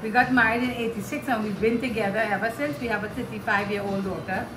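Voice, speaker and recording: A woman's voice: medium pitch, quick pace. A Trinidadian woman around sixty from southern Trinidad, chatting homely and repeating herself as she shows her cooking. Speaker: home cook. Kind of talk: casual cooking demonstration. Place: home kitchen. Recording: echoey kitchen with music behind.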